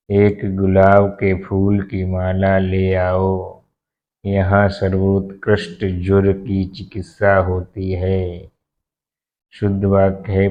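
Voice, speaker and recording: A man teaching an exam-prep lesson, reading out each question and answer in a slow, methodical way and repeating every answer word by word. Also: sits low, muffled recording. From India.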